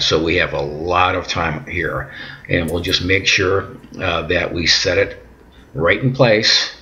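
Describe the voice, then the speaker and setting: A low-voiced man, an instructor, calmly walks through applying decals step by step in a home kitchen and at a workbench indoors. He is patient, repeats words, and often says "okay," and the recording sounds muffled.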